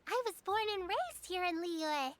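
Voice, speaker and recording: A polite, high little girl. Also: lively intonation, moderate pace. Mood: hospitable. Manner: formal, motherly, well-mannered. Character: polite, caring little girl from the harbor region. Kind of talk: video game dialogue.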